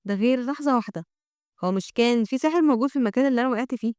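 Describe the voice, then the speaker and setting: Gentle half-dragon girl w/ egyptian accent woman reading her, fast, high, dry close sound. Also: smooth, no echo, lightly acted. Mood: polite. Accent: Egyptian Arabic.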